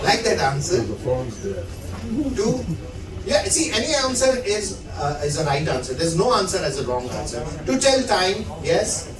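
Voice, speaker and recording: Speaking a little slowly but very animatedly, a middle-aged man from India presents on watches at a live event, his voice high and his English accented, since it's not his native language. He keeps things conversational and quizzes the crowd. The mic sits far away in a room full of echo.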